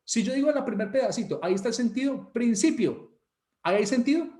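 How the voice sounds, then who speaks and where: A man with a Colombian Spanish accent teaching an online class, joking and animated, sometimes putting on mocking voices. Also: very high voice, fast talker, echoey room. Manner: joking, animated, mocks students with put-on voices.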